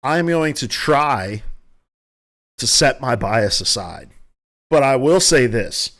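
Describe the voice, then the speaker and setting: A man with a medium-pitched, slightly bright voice and a noticeable Southern US country accent hosts a podcast from home. His commentary is casual, rambling and opinionated, and he often restarts his sentences, correcting himself as he goes.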